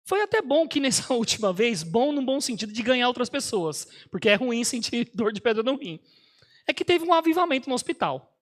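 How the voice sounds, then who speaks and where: A man, an auxiliary pastor telling a lively testimony in a sermon and often turning to the congregation. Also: extremely high pitch, a little fast. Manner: lively, animated storyteller who often speaks to the congregation.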